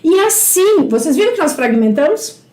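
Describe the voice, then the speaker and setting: A Brazilian woman with a high voice gives a live English lesson. She encourages her class and says each English phrase slowly, more than once. Her voice echoes around the room. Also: big pitch swings, darkish tone. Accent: Brazilian Portuguese. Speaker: English teacher.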